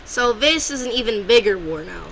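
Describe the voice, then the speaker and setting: A woman with a fairly high, lively voice narrates an alternate-history map video at a moderate pace, a bit bright in tone, on poor audio with slight background noise. Her unscripted commentary rambles loosely, with frequent restarts and mid-sentence self-corrections.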